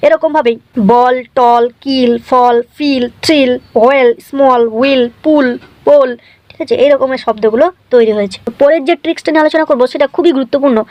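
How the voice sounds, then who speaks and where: A woman teaching English spelling in a scripted video lesson, explaining briskly and often checking in with the viewer. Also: sits high, a little mellow, dry recording.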